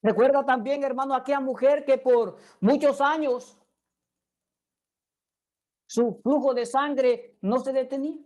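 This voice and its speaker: A woman preaching a sermon with a high, light voice. She speaks earnestly and keeps putting direct questions to her listeners. She retells scripture scenes in a steady teaching tone. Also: unhurried, pauses often.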